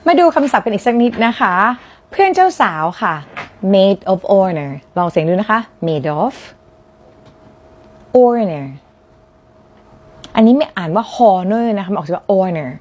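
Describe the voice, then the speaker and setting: A woman's voice: mid-range voice, very animated, a little fast, a little mellow. Thai-accented woman, friendly English teacher, models words for repetition. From Thailand. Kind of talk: lesson on vocabulary.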